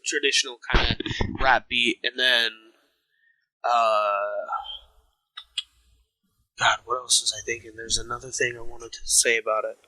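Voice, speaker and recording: Slow, bright-voiced teenage podcast co-host. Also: male voice, mid-range voice, level tone, poor audio. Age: late teens. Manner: halting, searches for words, swears casually. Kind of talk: casual chat.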